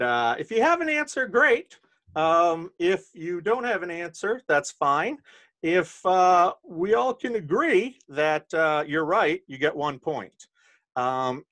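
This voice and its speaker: A man's voice: fairly high pitch, a bit bright. A man hosting a podcast on a video call, running a party game in joking, profane casual chat. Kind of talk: casual late-night chat.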